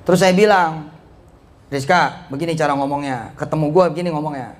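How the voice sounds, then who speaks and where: A man giving a joking, animated motivational sermon in casual slang. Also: fairly high pitch, a little fast. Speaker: preacher.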